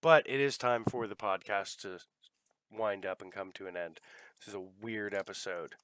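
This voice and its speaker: A man's voice: fairly low pitch, fairly even intonation, moderate pace, a bit bright, dry recording. A man hosting a podcast, chatting casually while playing a game, swearing freely. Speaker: podcast host. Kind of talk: casual chat while gaming.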